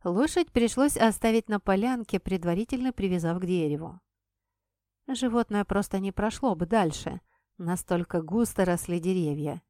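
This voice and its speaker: A woman narrates a first-person audiobook in a calm, steady manner. Her pitch is mid-range for a woman. The recording is close and completely dry. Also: normal speed, no room sound.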